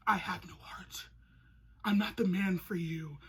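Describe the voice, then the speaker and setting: A woman voicing a brooding, controlling billionaire boyfriend in a mock-serious, husky, breathy voice for a comedic recap. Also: lowish voice, fairly even intonation, measured pace, a bit bright, slight background noise.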